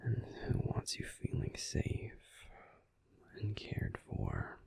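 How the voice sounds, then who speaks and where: In a whispered bedtime roleplay, a man plays a male werewolf boyfriend who is grumpy yet tender, protectively fussing before he soothes. His slow, lightly acted delivery has a gruff, soft whispering quality.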